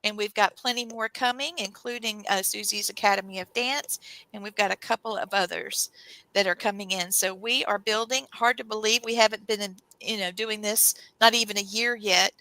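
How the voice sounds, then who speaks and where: A woman's voice: medium pitch, steady tone, moderate pace, bright, forceful tone, no echo, poor audio. A woman co-hosting a casual online talk show, chatty and gushing, with lots of fillers, on a video call. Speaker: co-host. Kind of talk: casual show sign-off and chat.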